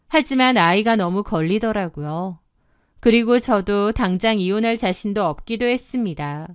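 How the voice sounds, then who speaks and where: A woman's voice: medium pitch, smooth, no room sound, clean studio sound. A woman reading a first-person confessional story aloud in a dramatic, scripted way, throwing herself into the quoted outbursts. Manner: dramatic confessional telling, bursting into loud acted shouts. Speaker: story narrator.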